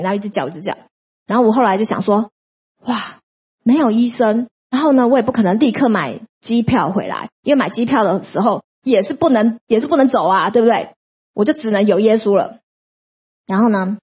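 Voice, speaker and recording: A woman's voice: a little high, a little mellow, husky, lo-fi sound. A woman preacher giving a sermon with personal testimony, speaking emphatically and acting out commands against sickness.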